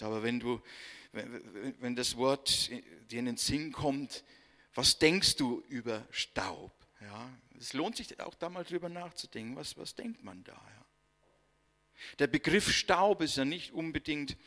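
A man gives a sermon at a deliberate, unhurried pace, his voice bright and pressing. He leans into key words and lets phrase endings sink almost to a whisper. The sound rings with a long reverb, as in a church hall. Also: mid-range voice, gravelly. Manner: slow, emphatic preaching with dramatic pauses and soft, dropped line endings. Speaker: preacher.

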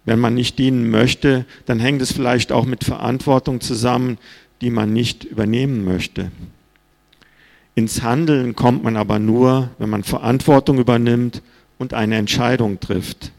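A man's voice: mid-range voice, fairly even intonation, a little slow, creaky, a little mellow. A man preaching a sermon in an earnest, plain-spoken way, reading scripture aloud. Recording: reverberant hall.

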